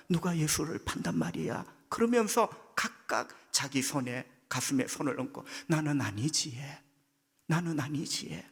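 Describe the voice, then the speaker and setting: A male pastor with a Gyeongsang accent preaching a sermon, leaping in pitch as he acts out quoted voices. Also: breathy edge. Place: church sanctuary. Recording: long church hall reverb.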